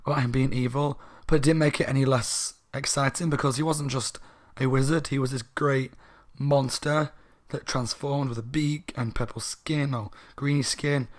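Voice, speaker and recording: Casting: a tipsy guy reviewing a book, rambling, mid pitch. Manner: rambling, tipsy, self-correcting.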